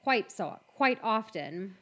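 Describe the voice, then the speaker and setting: A woman chatting casually about raising children, animated and fond of repeating a phrase for emphasis. Her voice sits in a middle range. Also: mid-range voice, slow pace. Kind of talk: casual chat about parenting.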